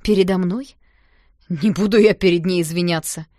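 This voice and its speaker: A woman's voice: lowish voice, steady tone, normal speed, warm tone, dry recording, studio quality, lightly acted. A woman reading the part of a sulky, spiteful young woman in a storybook.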